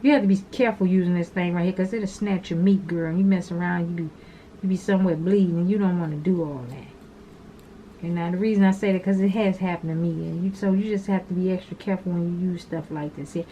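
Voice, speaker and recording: A woman's voice: lowish voice, fairly even intonation, fast talker, dark tone, lo-fi sound. A woman chatting through a nail tutorial at home, talking straight to her viewers and rambling as she repeats herself. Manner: talkative, addresses viewers as "girl". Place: small home room with an overhead fan. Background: fan hum.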